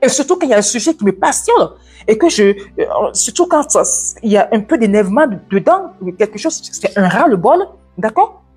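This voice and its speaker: A woman with an African French accent giving a fast, loud, energetic devotional talk and swallowing some of her words. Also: fairly high pitch, breathy edge, soft background music.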